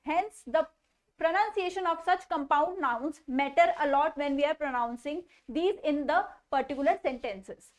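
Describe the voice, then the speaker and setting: Young lady teaching english grammar, high pitched, reads the english bits real slow. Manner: mixes Hindi explanation with slow deliberate English. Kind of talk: online grammar lesson.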